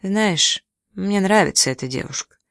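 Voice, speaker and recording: A man's voice: sits high, lively intonation, moderate pace, vocal fry, a bit bright, no echo, clean studio sound, voice pushed up, exaggerated voice. A reader voicing a moody, self-pitying young man who grumbles and sulks, in a storybook reading. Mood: sulky. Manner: sulky, brooding.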